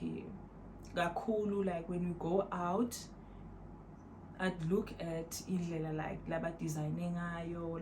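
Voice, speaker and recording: Relaxed and meandering, a thirtysomething South African vlogger talks to her audience from inside her home, mixing in bits of Zulu. Her voice is fairly low-pitched, and there's background noise in the recording.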